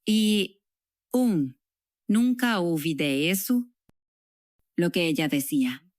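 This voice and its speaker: A woman telling her own story for a documentary in a reflective, measured way, as a dubbed voice-over. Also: lowish voice, lively intonation, a little mellow, dry recording, studio quality. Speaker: interviewee recounting her past.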